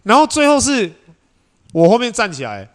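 A man's voice: high-pitched, huge pitch swings, normal speed, clean tone. A young man with a Taiwanese Mandarin accent, hosting a podcast and telling a story in casual chat. He acts out quoted voices and laughs often. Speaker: podcast host.

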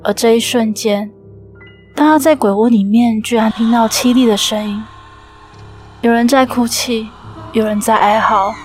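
Woman host with a Taiwanese Mandarin accent, steady suspenseful storyteller, slightly high voice. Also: moderate pace, faint music behind. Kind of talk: storytelling narration.

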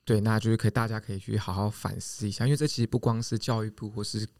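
A man's voice: fairly low pitch, fairly even intonation, racing, a little mellow, no room sound. A man co-hosting a podcast, talking reflectively in casual chat and filling gaps with short affirmations.

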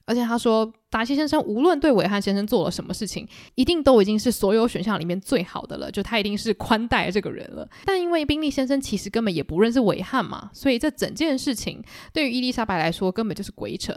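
A woman hosting a podcast, casually retelling a novel in a chatty, animated way. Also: on the high side, no room sound, clean studio sound. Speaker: podcast host. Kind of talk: casual book-club retelling.

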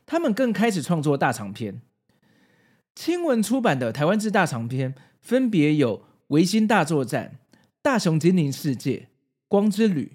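Hosting a scripted video essay with casual asides, a forties-aged man with a Taiwanese Mandarin accent explains things in a nostalgic way. His voice is on the high side with a darkish tone.

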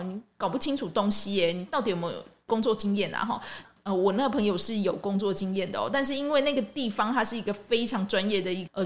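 A woman hosting a podcast, telling a story in a casual monologue, acting out the quoted dialogue and often ending phrases with a light "ha". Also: a little high. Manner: animated, acts out quoted dialogue in shifting tones; frequent light "ha" tag at ends of phrases. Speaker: podcast host.

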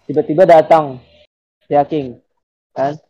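A man's voice: a little high, steady tone, measured pace. A young man co-hosting a casual podcast, talking through a theory step by step with plenty of fillers and restarts. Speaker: podcast co-host. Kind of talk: casual chat. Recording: dull lo-fi podcast audio.

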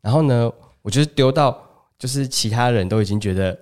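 Fast-talking man, chatty storyteller. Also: medium pitch, a little mellow. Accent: Taiwanese Mandarin. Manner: chatty storyteller who acts out family dialogue. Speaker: podcast co-host. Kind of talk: casual chat.

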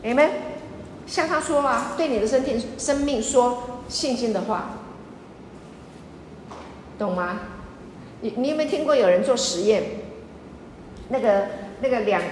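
Higher-voiced woman pastor preaching in an echoey hall. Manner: repetitive, emphatic preaching with audience questions. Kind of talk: lively sermon. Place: church sanctuary. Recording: echoey church hall with faint noise.

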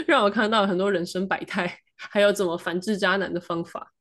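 A woman with a Taiwanese Mandarin accent, chatting on a podcast and telling a story in a lively way, acting out the people she quotes. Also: moderate pace. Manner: animated, acts out quoted voices with big pitch jumps and laughs. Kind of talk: casual chat storytelling.

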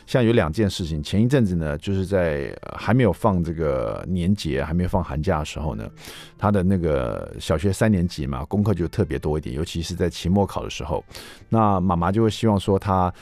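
A man in his thirties hosting a radio talk show, telling a story casually in an animated way, with a loud, ringing voice. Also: sits low, brisk, dry recording. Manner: animated, acts out the quotes he tells, with a loud, ringing voice. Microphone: studio mic.

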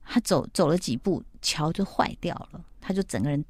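Woman host, middle-aged, animated storyteller, lower voice, dry close sound. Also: moderate pace, dry recording. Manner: animated storytelling, acting out quotes. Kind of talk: casual chat retelling a TV plot.

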